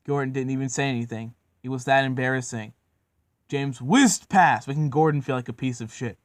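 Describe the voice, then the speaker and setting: A man's voice: mid-range voice, a little fast, dry recording, studio quality. A man narrating a comedic story in a casual, profane, mock-serious way.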